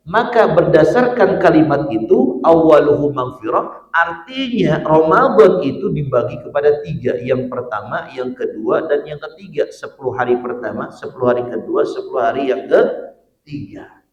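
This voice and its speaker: A man's voice: mid-range voice, a little mellow, lo-fi sound. A man preaching a dawn mosque sermon, joking with the congregation and building to fervent emphasis. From Cibitung, Indonesia. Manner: jokey, quizzes the congregation, rises to fervent emphasis. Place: mosque hall. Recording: echoey mosque, mic at a distance.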